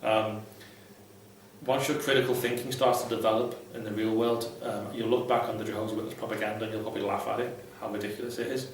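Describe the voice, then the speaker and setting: This vlogger, a former Jehovah's Witness who hosts advice content, speaks fast and flatly in a lowish voice. His unscripted guidance to viewers is blunt, irreverent and full of swearing, and the distant mic catches heavy room echo plus faint noise.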